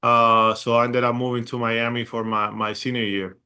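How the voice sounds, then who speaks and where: A young Chilean man, a professional basketball player, speaks with a Chilean Spanish accent as a guest in a casual interview. His mid-range voice moves at a normal speed and sounds smooth, though he rambles in a relaxed way with plenty of fillers.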